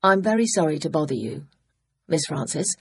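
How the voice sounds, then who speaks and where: A woman reading an audiobook, voicing a housekeeper who speaks in a flat, bored way. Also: fairly low pitch, a little fast, slightly rough.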